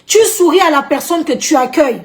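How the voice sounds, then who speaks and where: A woman talks straight to her viewers in a high voice. She scolds with indignation and circles back over her own points, stumbling and restarting as she presses on. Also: lively intonation, a little fast. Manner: indignant, scolding, repeats herself. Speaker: vlogger. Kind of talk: direct-to-camera rant.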